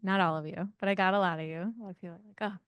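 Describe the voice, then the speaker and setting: A woman with a smooth, clear voice runs an interactive parenting workshop. She keeps firing questions at the group and walks them through little exercises. The sound is dry and close. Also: on the low side, fairly even intonation, fast talker, dry recording, dull audio. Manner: engaging, asks the audience many questions. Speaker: parent educator.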